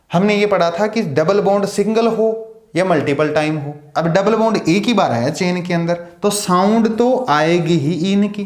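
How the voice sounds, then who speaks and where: A man teaching a science lesson, asking questions and answering them himself, counting aloud as he draws. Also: high-pitched. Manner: counts aloud while drawing. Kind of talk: classroom lecture. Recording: echoey room.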